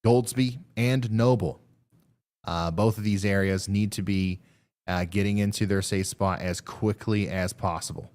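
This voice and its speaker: A man hosting a live severe weather stream, talking through radar updates in a halting, thinking-aloud way. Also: on the low side, steady tone, darkish tone.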